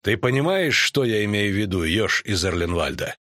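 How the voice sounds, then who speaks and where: A man reading an audiobook voices a grim, steady monster-hunter who speaks calmly and firmly. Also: on the low side, normal speed, no room sound, clean studio sound. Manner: calm, firm speech.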